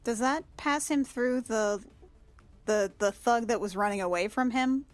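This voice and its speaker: This woman's voice is a little high and a little slow. In casual, playful in-game chat at a tabletop roleplaying session, she narrates her character's actions.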